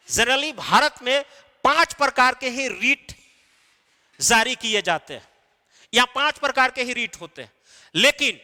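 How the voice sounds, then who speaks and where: A man's voice: very high voice, bright, forceful tone, long reverb tail. A man teaching an exam-preparation class, explaining step by step and answering his own questions. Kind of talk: recorded lecture.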